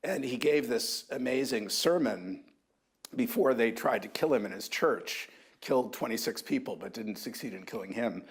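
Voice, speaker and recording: A man in his sixties, an author at a university book talk, reminiscing thoughtfully with halting restarts. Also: mid-range voice, expressive, husky. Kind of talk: reflective anecdotal talk.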